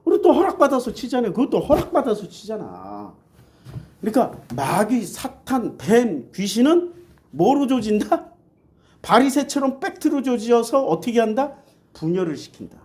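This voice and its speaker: A woman's voice: on the high side, big pitch swings, normal speed, darkish tone. A woman pastor preaching a sermon in blunt, earthy speech, asking rhetorical questions and answering them herself. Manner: blunt, colloquial and earthy wording.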